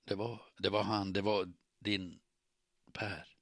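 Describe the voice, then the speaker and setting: A man's voice: on the low side, no echo, studio quality. A man reading a shaken, weary woman. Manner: hushed, subdued, flat.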